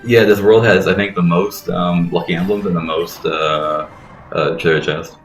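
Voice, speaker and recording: With faint game music in the background and a roomy echo, a man gives rambling, casual let's play commentary explaining the game, dropping frequent swear words. His deep voice holds a steady tone at normal speed.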